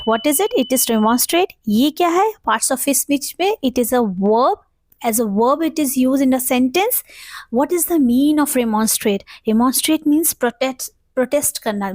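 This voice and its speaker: High-voiced Indian woman teaching words. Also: a little mellow, dry recording, clean studio sound. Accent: Indian English. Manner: explains in Hindi, reads English examples slowly. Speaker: vocabulary teacher. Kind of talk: online vocabulary lesson.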